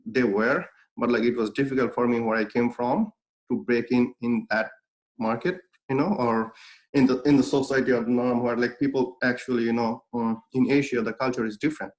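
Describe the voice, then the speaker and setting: Heard through a low-quality recording, his mid-range voice keeps a fairly even intonation at normal speed. The young Bangladeshi clothing brand founder, a native Bengali speaker, shares his life story as an interview guest in an earnest, reflective way, stumbling over many fillers and restarts.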